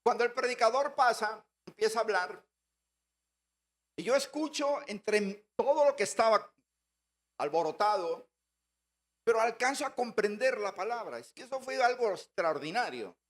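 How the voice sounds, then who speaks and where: A man's voice: high voice, animated, moderate pace, a bit bright. A man giving a personal conversion testimony at a church gathering. He tells his story and stresses key words by repeating them. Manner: storytelling, acting out remembered dialogue; repeats words and phrases for emphasis.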